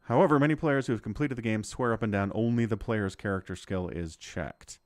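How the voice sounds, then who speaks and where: A man commentating as he plays a role-playing game, playfully thinking out loud and reading the text aloud. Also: fairly low pitch, brisk, no echo, clean studio sound.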